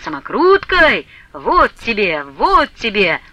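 A woman reading a stern but kind old peasant father who shouts and scolds, in an audiobook. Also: high-pitched, wildly swooping pitch, slow pace, dry recording, exaggerated voice. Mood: scolding.

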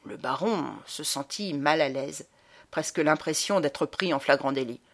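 A woman narrating a literary audiobook with dramatic, expressive reading and slowed emphasis. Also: deep voice.

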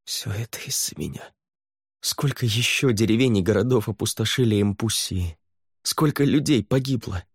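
Мужчина-чтец играет испуганного, измученного виной беглеца, который говорит напряжённо и сбивчиво. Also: male voice, on the low side, normal speed, slightly rough, no echo, studio quality, voice pushed up. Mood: guilty. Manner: hesitant, strained. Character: frightened, guilt-ridden runaway man, a father.

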